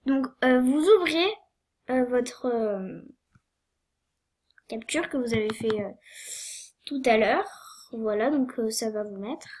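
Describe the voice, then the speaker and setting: A woman's voice: a little high, slow, long pauses, a little mellow, slight background noise. A young woman with a cold walks through a tutorial, hesitant, with many fillers and apologies. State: sniffly with a cold. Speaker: tutorial maker. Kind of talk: screen-recorded game tutorial.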